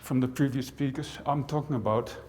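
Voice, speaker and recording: A man's voice: medium pitch, a little fast, mellow, a little hiss or hum. A man who grew up in the Netherlands, a university professor giving a conversational conference talk to an audience, with dry jokes and frequent asides. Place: large auditorium. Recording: long hall reverb from a large auditorium.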